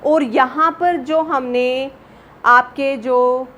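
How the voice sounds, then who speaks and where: A woman's voice: sits high, fairly even intonation, drawn-out words, a bit bright, slight background noise. A woman teaching a grammar lesson to children, patiently repeating words and asking them questions.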